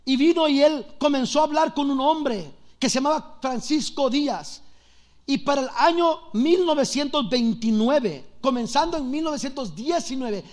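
A man from Los Angeles preaching a storytelling sermon, fast, animated and joking. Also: extremely high pitch. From Los Angeles, USA.

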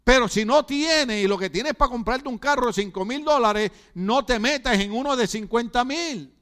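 In a very high, somewhat bright voice at normal speed, a middle-aged Puerto Rican pastor preaches. His sermon, delivered in a Puerto Rican Spanish accent, is full of rhetorical questions aimed at the congregation and funny asides.

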